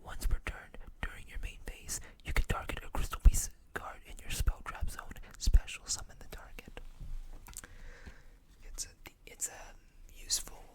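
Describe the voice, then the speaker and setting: A host softly whispers card game text at a moderate pace into a close mic, ASMR-style, never rushing and tossing in the odd small aside.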